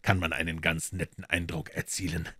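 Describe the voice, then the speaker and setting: A man voicing a calm, clever detective who talks in a measured way in an audiobook. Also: deep voice, no echo, studio quality. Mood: explaining.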